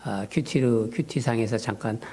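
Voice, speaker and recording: A man's voice: medium pitch, moderate pace, slight background noise. A man who is a pastor, preaching a sermon and telling a story from his church life in a storytelling manner. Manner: storytelling, animated, rising when quoting his own prayers. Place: church sanctuary.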